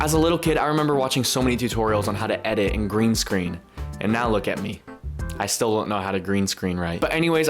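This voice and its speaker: A young man YouTuber talking through his video with a joking, sarcastic edge. His voice sits at an ordinary pitch and stays lively. Faint music runs underneath. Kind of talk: casual video commentary.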